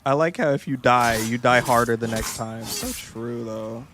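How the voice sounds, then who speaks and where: A man's voice: medium pitch, level tone, normal speed, fairly bright tone, slight background noise. A young man streaming a game, chatting casually in a jokey, profane, rambling way and slipping into mocking voices. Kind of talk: casual gameplay streaming chat.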